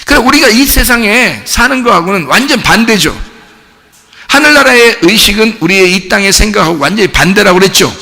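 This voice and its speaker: A middle-aged male pastor giving a sermon in a church, animated, putting questions to the congregation and acting out cheering crowds. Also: high voice, brisk, vocal fry. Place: church sanctuary. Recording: church hall with long reverb.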